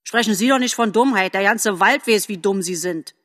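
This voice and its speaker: A woman's voice: medium pitch, moderate pace, fairly bright tone, in a large hall, close to an everyday voice. Woman doing a bitter gloomy crow. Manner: bitter, scornful.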